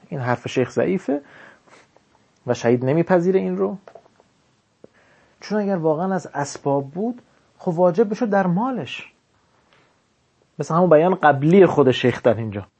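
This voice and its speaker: A man's voice: on the high side, animated, creaky, long pauses, darkish tone, husky, lo-fi sound. A man teaching a class, reading passages of a legal text aloud and explaining each line in plain everyday speech, often asking a question and then answering it himself. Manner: reads Arabic text then explains it in colloquial Persian, asks himself questions. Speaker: teacher of Islamic jurisprudence.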